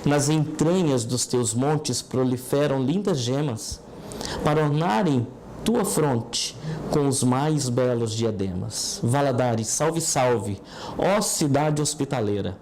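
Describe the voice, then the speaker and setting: A woman's voice: very deep voice, warm tone, a little hiss or hum, rough recording. A Brazilian woman hosting a programme, declaiming verse and introductions in a showy ringmaster manner. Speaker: host of a city arts and memory programme. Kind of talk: poetry recital and programme introduction.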